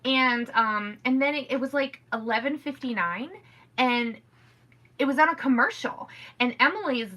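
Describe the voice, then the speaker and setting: A middle-aged woman chatting casually on her podcast from home. Her voice is bright and sits a little high, and she rambles through her stories with animated energy. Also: normal speed. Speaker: podcast host. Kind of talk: casual chat.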